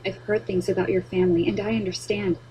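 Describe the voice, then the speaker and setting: Gentle, knowing neighbor lady, voiced by the female narrator in an animated story. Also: medium pitch, fast talker, slight background noise, natural voice, rough recording.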